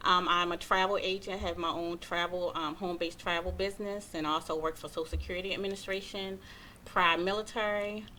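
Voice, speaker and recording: A woman's voice: lowish voice, steady tone, fairly quick, pushed and bright, a little hiss or hum. A woman in her forties from Baltimore, a guest on a dating talk show, speaking hesitantly with many fillers. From Baltimore, Maryland. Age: 40s.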